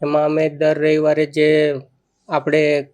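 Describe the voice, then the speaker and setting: Male guest, casual chat, joking, slightly higher voice. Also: completely flat delivery, slow, darkish tone. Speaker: podcast guest.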